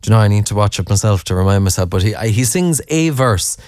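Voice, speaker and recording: An Irish man presents a late-night radio programme, rambling with fillers and self-corrections before reading a listener's poem aloud. He speaks fast in a fairly low, darkish voice with lively intonation, recorded at studio quality with no room sound.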